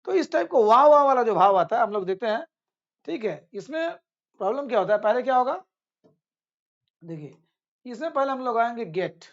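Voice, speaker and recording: A man's voice: very high voice, expressive, moderate pace, pauses often. Emphatic male teacher, dull lo-fi audio. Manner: emphatic, drills examples with rhetorical questions. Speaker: English teacher. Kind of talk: Hindi-medium grammar lesson.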